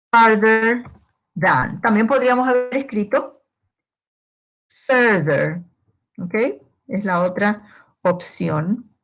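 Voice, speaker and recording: Slow, patient woman teaching English grammar. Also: medium pitch, gravelly. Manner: patient, asks questions and answers them herself. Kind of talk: slow, step-by-step grammar lesson.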